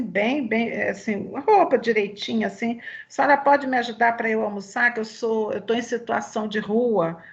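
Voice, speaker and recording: Gravelly Brazilian woman teaching Bible study. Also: a little high, a bit bright. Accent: Brazilian Portuguese. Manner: chatty, fervent, peppers talk with "sabe?". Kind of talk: conversational Bible teaching with personal testimony. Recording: dull lo-fi recording.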